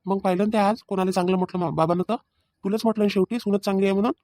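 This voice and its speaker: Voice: mid-range voice, fairly even intonation, very fast, darkish tone, no room sound, clean studio sound, natural voice. A performer voicing a remorseful young husband in a cartoon family drama who pleads and defends himself, speaking. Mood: aggrieved.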